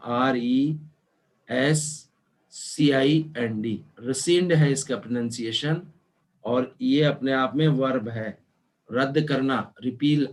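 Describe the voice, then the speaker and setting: A man teaching an online class, explaining slowly and spelling words out letter by letter, mixing in English terms. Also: medium pitch. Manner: mixes Hindi with English terms. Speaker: law teacher.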